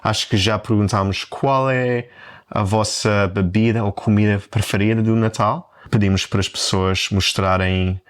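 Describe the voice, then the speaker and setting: A man's voice: fairly low pitch, moderate pace. A man with a European Portuguese accent, co-hosting a channel and chatting casually, mixing in English words now and then. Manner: relaxed, laughs easily, drops in English words. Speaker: co-host of a language-learning channel. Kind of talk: casual chat.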